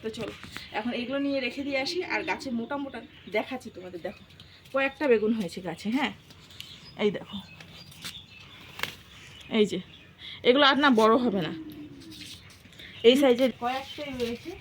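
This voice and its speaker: A young woman talks fast and chattily to her viewers as she works in her garden and kitchen. Her voice sits fairly high, and she explains each step as she goes. It is recorded on a phone with a faint household hum behind her. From Assam, India. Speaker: vlogger and homemaker. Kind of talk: casual home and cooking vlog.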